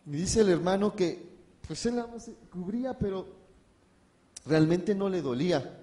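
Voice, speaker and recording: A man's voice: sits high, lively intonation, moderate pace, dark tone. A man preaching a sermon, telling personal stories in a conversational way and speaking straight to the congregation. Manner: conversational storytelling, addresses the congregation directly. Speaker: pastor.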